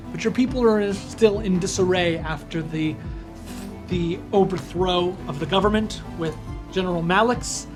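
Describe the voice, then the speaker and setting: A man narrating a tabletop role-playing game as game master, in measured, descriptive narration. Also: high voice. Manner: measured, descriptive narration with self-conscious asides.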